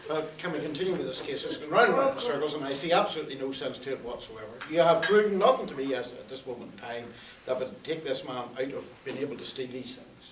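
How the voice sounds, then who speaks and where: A man's voice: medium pitch, animated, fast, a crowd in the background, natural voice. A man playing an exasperated, sarcastic judge in a comic courtroom sketch, with stuttered starts and dry sarcasm. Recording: echoey room, far from mic.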